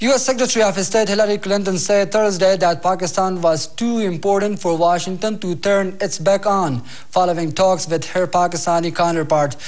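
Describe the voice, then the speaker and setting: A man's voice: high-pitched, a little mellow. A young man with an Afghan accent reading scripted news as an anchor, on a lapel mic in a TV studio. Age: young adult.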